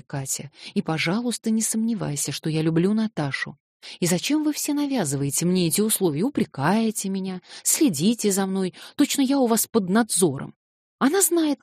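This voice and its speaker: A woman voicing an excitable, naive young man who protests plaintively, reading an audiobook. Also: medium pitch, no echo, clean studio sound.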